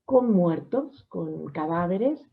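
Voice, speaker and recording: A woman psychology teacher giving a class lecture, often affirming with a soft "ujú" and asking her students questions. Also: lowish voice, animated, slow pace, creaky. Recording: dull lo-fi recording.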